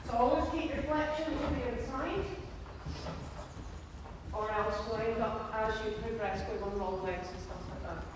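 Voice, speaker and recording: Woman riding instructor, highish voice, brisk encouraging commands called across a big echoey arena. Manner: encouraging, repeating short riding instructions and cues. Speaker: horse riding coach. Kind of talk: live riding lesson instruction. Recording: echoey hall, distant, noisy.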